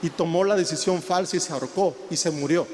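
Preacher, high voice, reverberant hall. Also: male voice, fairly quick, darkish tone, a little hiss or hum. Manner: retells scenes with acted quotes, emphatic and rising in intensity. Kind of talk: sermon. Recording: long hall reverb, faint ambience.

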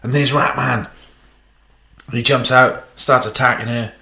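A man's voice: mid-range voice, fairly even intonation, a little slow, gravelly, sharp tone, echoey room. A man casually recapping a film on a podcast, swearing, laughing often and acting out the scenes. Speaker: podcast co-host.

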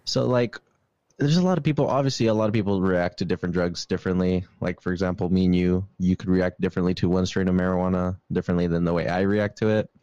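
A man's voice: low-pitched, fairly even intonation, fast, mellow, smooth, no room sound, highs cut off. A man hosting a casual podcast, giving his opinions and explaining them with examples, often saying "obviously". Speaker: podcast host. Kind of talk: casual chat.

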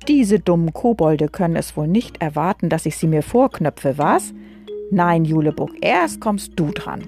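A woman's voice: low-pitched, animated, measured pace, a little mellow, soft background music. A woman voicing a blustering, fat male Christmas villain who bellows and snarls, his voice cracking with rage, read from a storybook. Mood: menacing.

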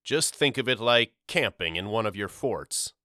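A worried widowed father with a terse, mumbling way of speaking, read by a male narrator in an audiobook. His voice sits a little low and comes across bright and clean. The recording is dry and close. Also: lively intonation, moderate pace, no echo. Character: frightened, stern widowed father of three boys. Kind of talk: audiobook character voice.

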